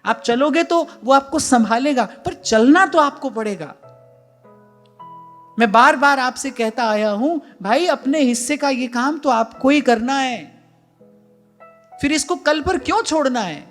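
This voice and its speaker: Speaking a little slowly in an extremely high, fairly bright voice, a man offers a devotional discourse in an ashram hall as a spiritual teacher, with faint music behind him. He is earnest, repeats key phrases for emphasis, and speaks to his listeners as "brother."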